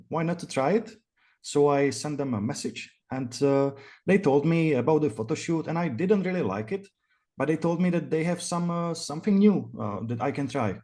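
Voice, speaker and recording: A man in his twenties from the Czech Republic with a Czech accent, giving casual interview answers in a halting, hesitant way. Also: on the high side, darkish tone. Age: 20s. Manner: hesitant, halting delivery full of pauses. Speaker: interview guest, virtual cam studio owner.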